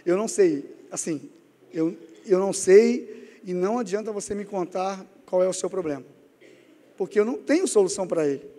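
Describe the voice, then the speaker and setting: High-voiced male preacher in a reverberant church. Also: moderate pace, mellow. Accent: Brazilian Portuguese. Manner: storytelling, emotional, calls to the congregation. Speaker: evangelist preacher. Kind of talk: sermon. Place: church sanctuary. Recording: long church hall reverb.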